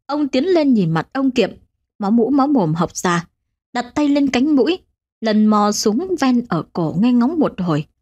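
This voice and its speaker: A woman narrating a ghost story for a channel, with expressive storytelling. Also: measured pace, muffled recording. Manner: expressive, swinging pitch.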